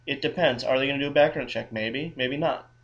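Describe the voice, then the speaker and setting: A man with a gravelly, creaky voice co-hosts a casual legal advice podcast as a defense lawyer. He explains cases in a wry, thinking-aloud manner, often restarting his sentences. The recording sounds dull and slightly lo-fi. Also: mid-range voice, brisk, fairly bright tone. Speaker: criminal defense lawyer co-host.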